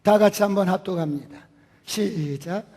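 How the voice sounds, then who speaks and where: A male pastor preaching a sermon, asking many rhetorical questions and swinging between quiet and loud. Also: high-pitched, normal speed. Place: church sanctuary. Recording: long church hall reverb.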